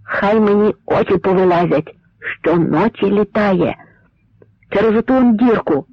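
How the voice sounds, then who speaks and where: A man's voice: sits high, a little slow, dry recording, voice pushed up. A man voicing a frightened but cunning old village man who pleads and whispers with a trembling voice, on a dry, slightly muffled recording. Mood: secretive.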